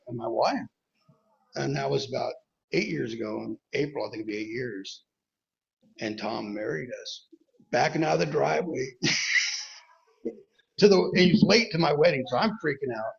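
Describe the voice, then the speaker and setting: A man giving a rambling, halting tribute at a memorial recovery meeting, mixing jokes into it. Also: medium pitch, gravelly, slightly rough, muffled recording. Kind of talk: personal tribute speech.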